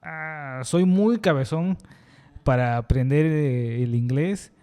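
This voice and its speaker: A man hosting a podcast, asking questions in a halting way with many fillers. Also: a little high, warm tone, clear, resonant tone. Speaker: podcast host. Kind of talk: casual interview talk.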